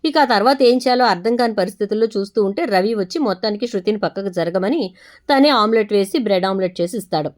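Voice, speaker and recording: A woman's voice: medium pitch, fast. A woman narrating a casual story recap in a chatty way, stringing events together one after another.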